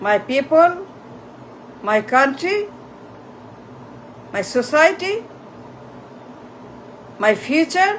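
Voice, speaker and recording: A woman's voice: high-pitched, a little hiss or hum, rough recording. A woman delivering an impassioned political rant, repetitive and mocking, mixing in English phrases. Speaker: political commentator.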